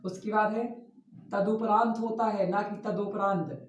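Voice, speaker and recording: A man's voice: high voice, fairly even intonation, far from the mic. A male teacher runs a spelling lesson for exam students, saying each word several times over so the correct form sticks. He sits some way from the microphone in a roomy space that echoes, and the recording sounds dull and lo-fi. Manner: repeats each word slowly, drilling correct forms.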